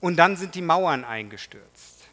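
Man, preacher, sermon, conversational, questions to the congregation, slightly high voice, long hall reverb. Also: animated, a little slow, sharp tone. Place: church hall.

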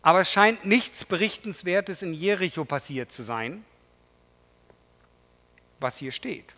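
A man's voice: high voice, lively intonation, unhurried, bright, forceful tone. A man preaching a sermon to a congregation in a conversational way, often putting questions to his listeners. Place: church hall. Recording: reverberant hall.

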